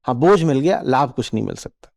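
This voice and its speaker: A man's voice: medium pitch, animated, brisk, creaky, a little mellow. A man teaching a live audience in a spiritual discourse, asking rhetorical questions and checking that listeners follow. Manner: acts out little quoted voices.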